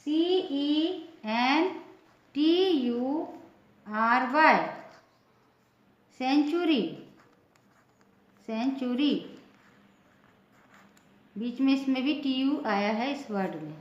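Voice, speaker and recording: Slow, high-voiced woman teacher spelling words. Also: expressive. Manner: spells words letter by letter, then repeats the answer slowly; asks the question, then answers it herself. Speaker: English pronunciation teacher. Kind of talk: classroom lesson. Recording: echoey room, dull lo-fi sound.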